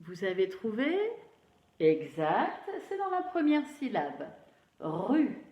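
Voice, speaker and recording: A woman teacher giving a phonics lesson to young children, slowly spelling out syllables and praising them. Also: medium pitch, huge pitch swings, dark tone. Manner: slow, encouraging, syllable by syllable. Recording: roomy, dull lo-fi sound.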